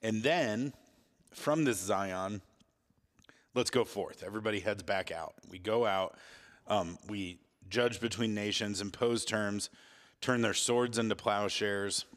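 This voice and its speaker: A laid-back male podcast co-host with a slightly low voice who laughs easily. He chats casually and walks through scripture readings. His voice rings with a long, cave-like echo from a stone monastery room. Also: takes it slowly, pauses often, fairly bright tone. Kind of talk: casual chat and scripture commentary. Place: former stone monastery building.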